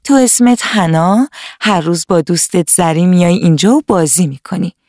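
Woman voicing a gentle old magic tree. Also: fairly low pitch, no echo, clean studio sound, lightly acted. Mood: kindly. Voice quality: sweet and calm. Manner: slow, soothing, kindly.

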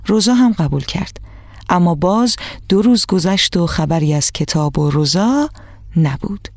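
A woman's voice: on the low side, animated, dry recording. A woman radio storyteller reading a children's story, speaking directly to the children. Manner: warm direct address to children. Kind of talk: scripted storybook narration for children.

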